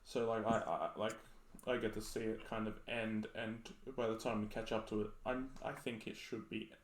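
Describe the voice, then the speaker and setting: A man's voice: fairly low pitch, fairly even intonation, moderate pace, a little hiss or hum. A man with an Australian accent, chatting casually as a podcast co-host and laughing often as he rambles. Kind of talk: casual chat. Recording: roomy echo.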